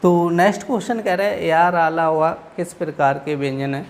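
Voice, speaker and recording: A man's voice: a little high, normal speed. A man teaching, patiently explaining exam answers step by step and checking in constantly with his students. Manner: patient, repetitive, checks in with frequent "okay".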